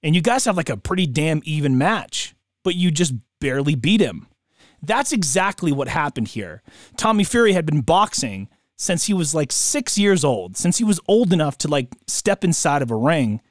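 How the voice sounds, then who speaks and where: A man's voice: fairly high pitch, very animated, moderate pace, dry recording, clean studio sound. A man chatting casually about sports as a podcast co-host, with slangy bro talk.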